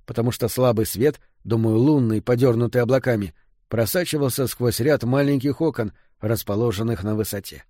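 A man reading a first-person story aloud in a steady, measured way. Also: mid-range voice, no room sound, clean studio sound. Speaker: audiobook narrator. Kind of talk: scripted narration.

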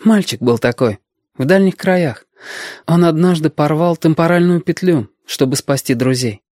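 A man reads a story aloud in a studio-quality recording with no room sound, speaking at normal speed in a slightly mellow voice that sits on the high side. He pitches it above his own natural voice, though it stays close to everyday speech, to play an eager sixth-grade boy patiently explaining things to a girl, and the mood is eager and explanatory.

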